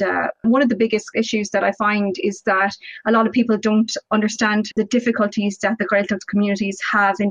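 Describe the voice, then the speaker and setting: A woman's voice: medium pitch, dry recording, poor audio. A woman with a Kerry accent from the west of Ireland, talking earnestly and articulately in long flowing sentences as an interview guest. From County Kerry, Ireland. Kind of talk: conversational, opinionated explaining.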